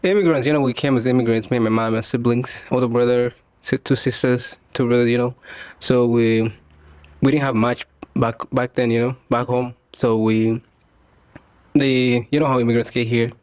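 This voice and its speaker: A man's voice: mid-range voice, normal speed, clear, resonant tone, dry recording. Laid-back young man from Tanzania. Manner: relaxed, laughs often, many fillers like "you know". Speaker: podcast guest. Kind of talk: casual interview chat.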